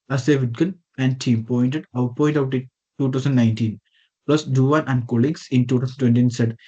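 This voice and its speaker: A man gives a scripted slide presentation over a video call. His voice is dark and mellow. The call audio sounds dull and muffled, and he reads with small slips that he corrects as he goes. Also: medium pitch. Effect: heard over a video call. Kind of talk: reading a prepared slide presentation.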